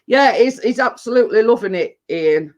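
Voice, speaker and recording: Very high and animated, at normal speed, his voice is a little mellow and comes through lo-fi. He's a Yorkshire-accented livestream host, congested and chesty as he recovers from a cold and chest infection, rambling casually and dialect-heavy to his viewers.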